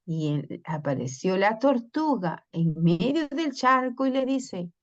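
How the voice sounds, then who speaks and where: A woman's voice: on the high side, very animated, dull audio. A woman teacher with a Peruvian Spanish accent, giving a classroom lesson on story structure and asking the class questions. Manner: slow, questioning, acts out story voices.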